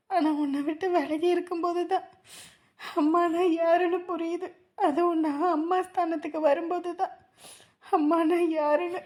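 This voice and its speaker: An actress playing a sorrowful young wife in a TV serial, speaking in a plaintive, pleading way. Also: female voice, extremely high pitch, darkish tone. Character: sorrowful young wife longing for her estranged mother. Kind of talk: TV serial acting.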